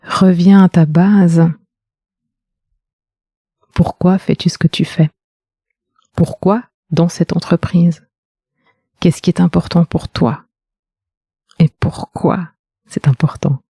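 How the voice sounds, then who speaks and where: A woman's voice: lowish voice, fairly even intonation, takes it slowly, long pauses, mellow, breathy edge, no echo, clean studio sound. A woman, a podcast host and communication coach, reading a scripted poetic monologue in an intimate, questioning tone that speaks straight to the listener.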